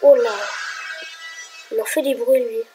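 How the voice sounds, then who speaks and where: A woman giving casual, rambling commentary over her screen recording as a tutorial vlogger, thinking aloud with whispered asides and sudden excited outbursts. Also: on the high side, measured pace, a little hiss or hum, low-quality recording.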